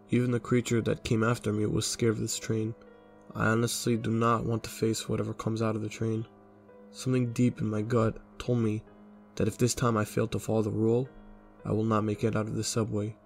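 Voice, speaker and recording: A man narrating a scripted horror story in a steady, low-key way. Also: gravelly.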